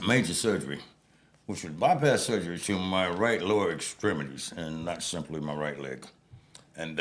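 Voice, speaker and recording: Interview guest: middle-aged man, slightly low voice, chatty, words mashed together and hard to catch. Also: a bit bright. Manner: slurred, run-together words that can be hard to make out. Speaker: interview guest, local personality. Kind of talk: casual chat, storytelling.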